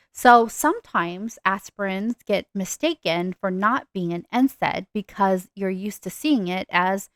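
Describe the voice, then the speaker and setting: In a recorded nursing pharmacology lecture, a woman speaks deliberately and stresses key terms as she explains them. Her voice is medium-pitched and a bit bright, with no echo.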